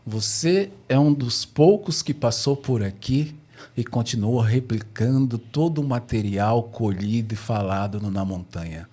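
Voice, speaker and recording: Male podcast host, deliberate and grateful. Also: medium pitch, dark tone. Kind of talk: podcast interview, read-out introduction.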